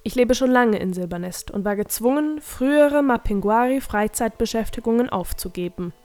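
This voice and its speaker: A woman's voice: a little high, expressive, moderate pace, a little mellow, close to an everyday voice. Woman reading a proud old creature gardener. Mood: proud fussy.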